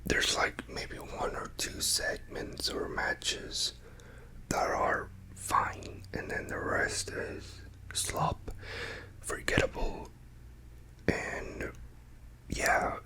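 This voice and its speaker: Slow, quiet late-night ASMR whisper. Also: rough recording. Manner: rambling, trailing off between thoughts. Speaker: ASMR creator talking to followers. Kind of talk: whispered ASMR ramble, casual chat.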